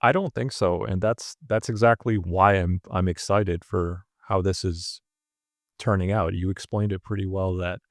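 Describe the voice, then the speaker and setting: Male co-host, lowish gravelly voice, relaxed filler-heavy chat. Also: normal speed, dry recording, studio quality. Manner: laid-back, many fillers like "like" and "uh". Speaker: podcast co-host. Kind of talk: casual recap chat.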